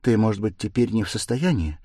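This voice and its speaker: A proud young woman speaks tensely and quick-temperedly, as a male reader puts her on. Her lines run lively in pitch, and the recording is dry and close. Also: no echo. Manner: hushed, frightened, then hot-tempered.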